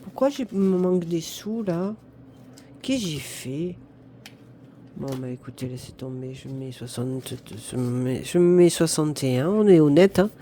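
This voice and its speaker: Her voice sits low, warm and unhurried, with lively intonation over slight background noise. The speaker, a budget vlogger from northern France in her fifties, talks casually to the camera as she works through her budget envelopes, counting aloud with a self-mocking touch.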